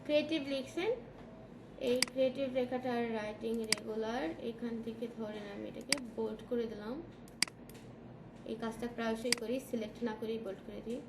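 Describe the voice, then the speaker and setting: Female tutor with a Bangladeshi Bengali accent, high pitch, quizzes the class as she goes; roomy recording with audible noise. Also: steady tone, fairly quick. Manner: checks in often with questions to students. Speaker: design tutor. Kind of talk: classroom software lesson. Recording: echoey room with background noise.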